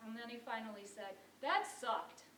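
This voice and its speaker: A woman delivers a theatrical monologue as a wry, exasperated struggling actress, telling her story with dramatic emphasis. Her fairly high voice has a sing-song, unhurried quality. The mic is distant and roomy, with faint noise.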